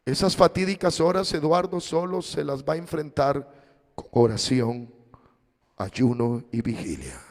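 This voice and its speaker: A pastor preaching a sermon as dramatic storytelling, his voice swinging between loud and hushed. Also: fairly high pitch, lively intonation, a little slow, long reverb tail.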